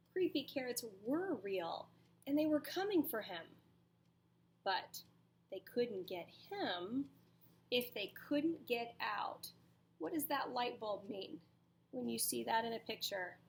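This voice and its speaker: The woman reading here is a teacher with a fairly high, expressive voice, and there is slight background noise. She tells the storybook to children dramatically, pausing for effect, stressing words, and asking the kids questions.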